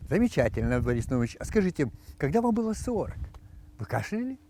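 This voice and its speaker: A man playing a brisk, chummy, impatient clinic doctor in a joke, hurrying through sing-song questions. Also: on the high side, sing-song, dark tone, slight background noise. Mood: chummy, dismissive.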